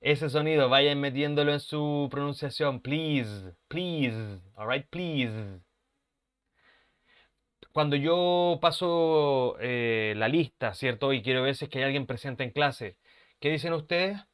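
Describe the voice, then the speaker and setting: A man's voice: medium pitch, slow pace, clean tone. A man teaching an online English class, patiently repeating words for pronunciation drills and laughing at his own mistakes.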